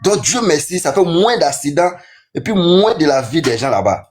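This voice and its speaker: Excitable Ivorian taxi driver. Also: male voice, a little high, moderate pace, slight background noise. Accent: Ivorian French. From Côte d'Ivoire. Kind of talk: casual street debate.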